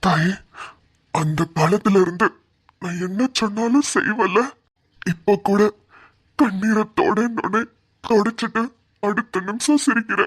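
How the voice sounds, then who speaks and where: Husky woman in a lilt. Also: mid-range voice, slow, pauses often. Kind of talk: cartoon voice acting.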